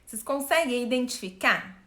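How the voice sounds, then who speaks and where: Animated woman coach with a roomy echo. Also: a little high, moderate pace. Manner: animated, asks the audience questions, acts out quotes. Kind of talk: live-stream talk to viewers.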